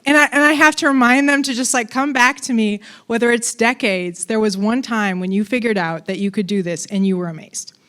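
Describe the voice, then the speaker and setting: A woman's voice: on the high side, brisk, hardly any pauses, a bit bright. A woman giving a conference talk on coding, casual and playful, with fillers and asides. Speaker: conference speaker.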